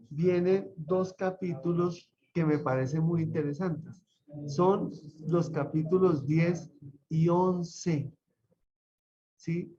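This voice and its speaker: A man with a mellow, slightly high voice teaches an online Bible class. He talks conversationally and keeps checking in with his students through questions. The audio is muffled. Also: a little hiss or hum. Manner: conversational, asks the class frequent rhetorical questions.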